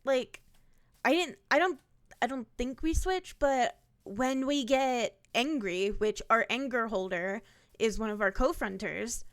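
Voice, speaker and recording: A woman's voice: fairly high pitch, unhurried. A woman in her twenties from Ohio, chatting casually on a stream with many fillers. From Ohio, USA. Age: 20s. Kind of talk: casual chat.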